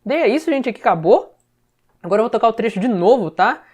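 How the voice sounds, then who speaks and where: A woman with a Brazilian Portuguese accent giving a casual English lesson, chatty and often checking understanding with a quick question. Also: on the high side, lively intonation, darkish tone. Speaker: English teacher.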